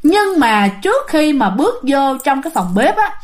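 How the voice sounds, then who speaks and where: A woman tells a ghost story in a chatty way, often speaking straight to her listeners. Her voice sits fairly high and swings widely in pitch. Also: sing-song, normal speed. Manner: chatty, addresses listeners directly.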